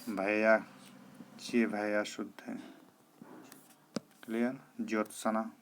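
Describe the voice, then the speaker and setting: A man from India teaches a coaching class, slowly and methodically, in a low, level voice. He drills word pairs and keeps asking if it's clear. A faint hiss sits under the recording. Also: flat delivery. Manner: drills word pairs, repeats the correct form, asks "clear?". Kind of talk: exam-prep spelling lesson.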